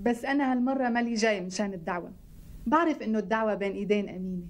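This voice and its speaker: An actress playing a polite, apologetic young doctor who speaks with a Syrian Arabic accent in a TV sitcom. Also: female voice, mid-range voice, fast talker, close to an everyday voice. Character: polite young female doctor, sheepish gift-giver. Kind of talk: TV sitcom acting.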